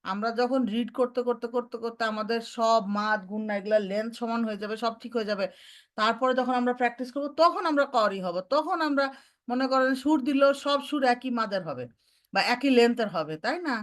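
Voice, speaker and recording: A woman teaching Quran recitation, mixing in English terms and demonstrating each sound slowly. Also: fairly high pitch. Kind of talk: online recitation lesson.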